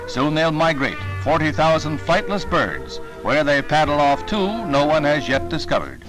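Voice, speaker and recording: A man narrating an old 1960 newsreel in a brisk, wry announcer style. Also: a little high, poor audio. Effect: old newsreel soundtrack. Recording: old newsreel with loud music bed.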